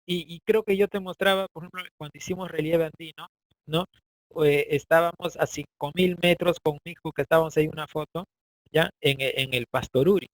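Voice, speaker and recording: High-voiced Peruvian teacher, dry sound. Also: male voice, steady tone, brisk, dry recording, poor audio. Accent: Peruvian Spanish. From Peru, Andean highlands. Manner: chatty, asks students for agreement. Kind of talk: online class lecture.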